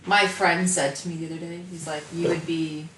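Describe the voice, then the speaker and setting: A woman guest on a podcast, chatting casually with teasing, deadpan jokes. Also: on the low side, a little fast, echoey room, recorded from a distance, a little hiss or hum, low-quality recording. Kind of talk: casual chat.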